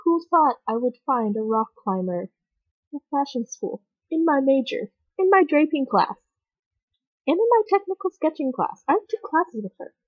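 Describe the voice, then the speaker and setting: A woman's voice: high voice, big pitch swings, moderate pace, no room sound. Bubbly young woman, dull lo-fi sound. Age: young adult. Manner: bubbly, rambling, giggly with dramatic quoted asides. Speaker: vlogger. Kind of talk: casual chat. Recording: dull lo-fi webcam audio.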